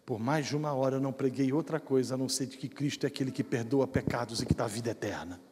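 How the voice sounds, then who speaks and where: Guy pastor preaching, goes soft then shouts it out, big echoey church sound. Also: mid-range voice, fast. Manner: impassioned preaching, swinging from hushed to shouted. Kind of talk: sermon. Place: church sanctuary. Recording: long hall reverb in a church.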